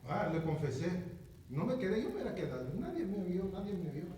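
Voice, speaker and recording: A man preaches a chatty sermon in a fairly high voice, repeating himself and asking the room for agreement. He is picked up from well back in a very reverberant hall, with a faint hiss underneath. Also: sing-song, quick pace, warm tone. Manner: conversational, repeats words, often asks "¿verdad?". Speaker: pastor. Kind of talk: conversational sermon. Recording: very echoey, distant, faint noise.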